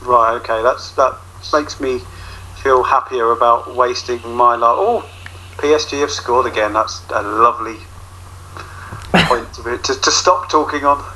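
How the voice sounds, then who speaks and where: A man's voice: mid-range voice, unhurried, bright, forceful tone, a little hiss or hum, low-quality recording. A man making dry, sarcastic remarks in casual podcast banter. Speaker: podcast panellist.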